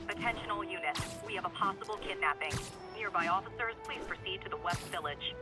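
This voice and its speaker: Brisk police radio dispatcher. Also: male voice, high voice, loud music behind the voice. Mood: urgent. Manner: clipped, official announcement. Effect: police radio dispatch over a loudspeaker.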